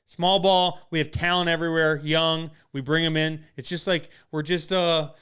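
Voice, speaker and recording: A young man from Wisconsin holds forth on sports during a relaxed podcast chat. His voice sits a little high and comes across smooth and clean. He sounds emphatic and opinionated. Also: normal speed. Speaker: podcast co-host.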